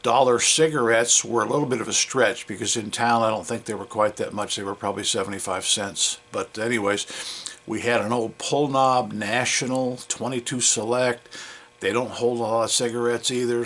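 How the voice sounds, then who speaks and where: A man in his sixties who runs a vending business, telling a rambling story to the camera in a relaxed, casual way. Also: lowish voice.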